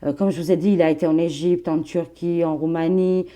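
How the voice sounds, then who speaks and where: A woman in her forties speaks with an Albanian accent, holding a casual, rambling chat with her viewers. Her voice sits a bit low and sounds mellow. She laughs often and fills her sentences with asides. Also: fairly even intonation, a little fast. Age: 40s. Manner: chatty, laughing, addresses viewers as friends, many fillers. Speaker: tarot reader and channel host.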